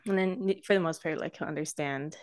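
Soft-spoken chatty young woman. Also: deep voice, a little fast, no echo, studio quality. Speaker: podcast co-host. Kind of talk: casual chat.

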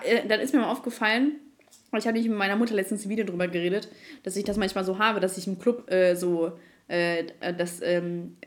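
A woman's voice: mid-range voice, fairly bright tone. A woman in casual chat, retelling arguments with lots of fillers, slang and acted-out quotes. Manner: colloquial youth slang.

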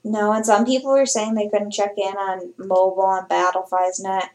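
A woman's voice: mid-range voice, level tone, normal speed, darkish tone, roomy sound. A woman co-hosting a casual podcast, talking in a meandering way with many restarts. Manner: chatty, meandering, frequent restarts. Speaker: podcast co-host.

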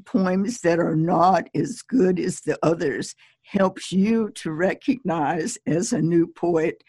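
A woman poet giving relaxed, measured advice as a podcast guest, chatty and laughing lightly. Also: on the low side, slightly rough, no echo.

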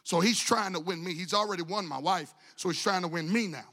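Male pastor, high bright voice, animated storyteller who plays every character, church hall echo. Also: a little fast. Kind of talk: storytelling sermon. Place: church sanctuary.

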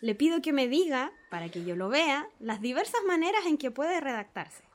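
Woman doing an eager naive gentleman. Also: high-pitched, big pitch swings, moderate pace. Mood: insistent. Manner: gushing, repeats sounds with wonder. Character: naive middle-aged male social climber, eager. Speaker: reader playing a pupil. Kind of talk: dramatic reading.

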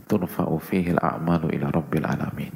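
A man preaching a sermon to a live audience, asking rhetorical questions and swinging between soft asides and loud emphasis. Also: a bass voice, steady tone, normal speed, gravelly, a little hiss or hum. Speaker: Islamic preacher.

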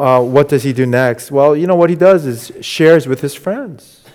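A man preaching a sermon in a halting, conversational way, with many fillers and restarts, raising his voice when he quotes. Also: mid-range voice, darkish tone, smooth. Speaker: pastor. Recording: long hall reverb.

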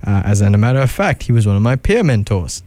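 A man's voice: lowish voice, big pitch swings, fast, mellow, no echo. A young man from southern Africa hosting a casual radio show. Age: young adult.

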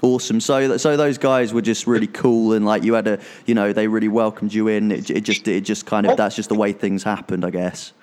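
A man's voice: lowish voice, fairly even intonation, a little fast, few pauses, darkish tone. A man interviewing a musician, asking long, rambling questions full of restarts and fillers. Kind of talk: casual interview.

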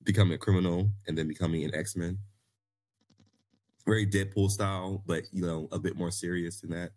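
Deep-voiced man joking around. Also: steady tone, a little fast, darkish tone, no echo. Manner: laughing, joking. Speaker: podcast co-host. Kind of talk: casual chat.

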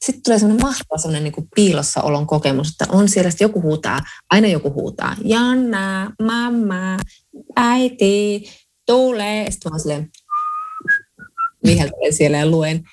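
A woman co-hosting a book podcast, telling casual stories with a lively, laughing manner. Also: low-pitched, slight background noise. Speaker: podcast co-host. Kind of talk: casual chat.

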